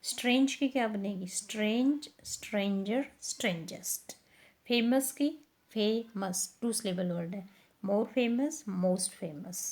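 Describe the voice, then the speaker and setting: A woman, teaching a grammar lesson step by step. She asks questions and answers them herself, and reads the English sentences slowly. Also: mid-range voice, a little mellow.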